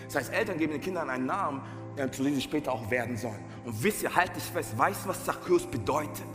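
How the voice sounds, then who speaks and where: A man's voice: a little high, expressive, fast talker. A man preaching a sermon as a pastor, passionate, asking his listeners direct questions and mixing in English phrases. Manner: mixes English phrases into German. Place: church hall. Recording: roomy hall reverb with faint music.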